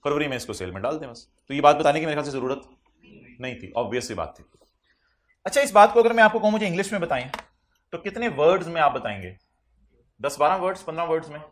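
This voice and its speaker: A man's voice: on the high side, fairly bright tone. A man with a Pakistani Urdu accent giving a tax lecture to a class, teasing students, quizzing them and mixing English phrases into his Urdu.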